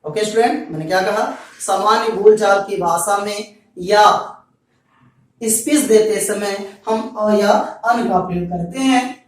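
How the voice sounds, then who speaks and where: Male teacher, patient repetitive lecturing, distant mic, heavy room echo. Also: sits high. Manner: repeats points, addresses students directly. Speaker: English teacher. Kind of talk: Hindi-language grammar lecture. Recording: very echoey room, far from the mic.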